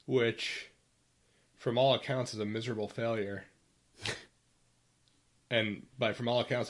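A man with a somewhat low voice talks on a podcast in a casual, opinionated way. He argues his points firmly and doesn't hold back when he disagrees. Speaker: podcast co-host. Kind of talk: casual chat.

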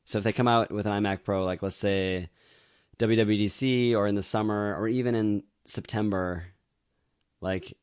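A man with a very low voice chats casually on a podcast, rambling with fillers and laughing easily. His voice sits close and dry on the mic, with no room sound. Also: fairly even intonation, moderate pace, darkish tone, clear, resonant tone, no echo. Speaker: podcast co-host. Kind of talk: casual chat.

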